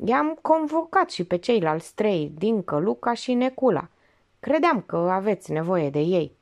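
A woman's voice: medium pitch, very animated, darkish tone. A woman reading the part of an eager, unsure young male subordinate officer who speaks deferentially. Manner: hesitant, deferential.

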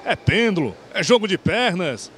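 Male play-by-play boxing commentator, excited and projected, very high pitch, faint arena noise. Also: normal speed. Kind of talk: live boxing broadcast commentary.

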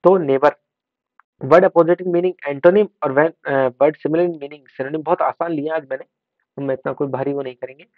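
Man, revision teacher, brisk drilling, slightly high voice, thin phone-like sound. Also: fairly even intonation, dry recording. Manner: brisk, repeats "ठीक है" and drills correct spellings. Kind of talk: exam revision lesson.

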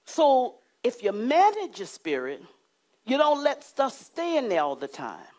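A middle-aged woman preaching a sermon, animated and emphatic, with dramatic pauses and sudden hushed asides. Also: high voice. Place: church studio with curtain backdrop.

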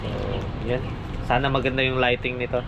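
A man in his thirties with a Filipino accent, vlogging casually in a relaxed, chatty way from an outdoor cafe terrace, recorded on an action camera. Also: mid-range voice. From Philippines. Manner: relaxed, unhurried, chatty with small laughs. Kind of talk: casual vlog talk mixing Tagalog and English. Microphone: action camera on the table. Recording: loud outdoor noise, camera mic.

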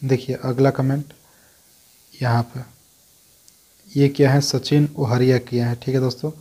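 A man's voice: mid-range voice, little pitch movement, a little slow, warm tone, breathy edge. A man hosting a casual talk in which he answers viewer questions. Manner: conversational, repeats "dekhiye" and "dosto" often. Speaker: host answering viewer comments.

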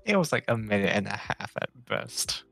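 A man's voice: fairly low pitch, big pitch swings, normal speed, gravelly, fairly bright tone, soft background music. A man chatting casually and joking on a stream, boastful in tone.

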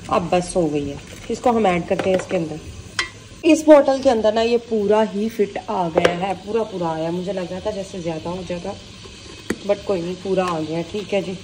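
Hoarse woman chatting through a cooking vlog. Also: medium pitch, noisy background. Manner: chatty, often adds a polite "okay ji". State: hoarse from a sore throat. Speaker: vlogger. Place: home kitchen. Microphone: handheld phone.

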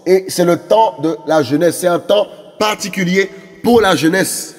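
A man's voice: high-pitched, measured pace, long reverb tail. A male preacher delivering a fervent sermon, repeating phrases and stumbling over fillers as he exhorts. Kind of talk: evangelistic sermon.

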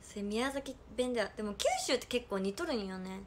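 A woman's voice: medium pitch, a little fast, a little hiss or hum. A playful young woman with a Hakata accent chatting casually on a livestream as an idol and reading viewer comments aloud. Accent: Hakata dialect.

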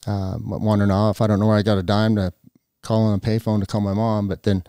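A middle-aged man telling a personal story on a podcast, halting, with many restarts and fillers. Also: on the low side, flat delivery, mellow, clear, resonant tone, no room sound, clean studio sound. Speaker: guest. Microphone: podcast mic.

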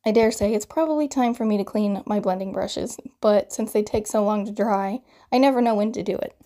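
Woman, 30s, crackly morning voice, warm low tone, chatty craft tutorial voiceover. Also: a little fast. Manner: chatty, self-deprecating, explains each step. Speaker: card-making crafter.

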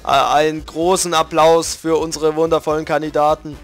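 A flamboyant male robot hosts a deadly quiz show in a video game, announcing every question with theatrical flair, voiced by a man. The voice sits fairly high for a man, with game music faintly underneath. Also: completely flat delivery, normal speed, lightly acted. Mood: showy, menacing. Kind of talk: reading game dialogue aloud.

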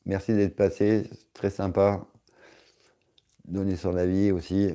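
A man's voice: low voice, flat delivery, unhurried, dark tone. A man chatting casually on a live stream, answering his chat in a rambling, joking way with many hesitations.

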